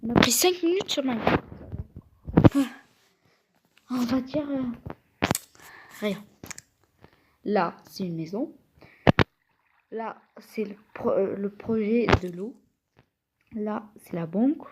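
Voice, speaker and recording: Slow, hesitant woman with noisy recording. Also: fairly high pitch, lively intonation. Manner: hesitant, explains step by step to viewers. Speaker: gamer showing a build. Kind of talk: casual game walkthrough. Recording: noisy home recording with clicks.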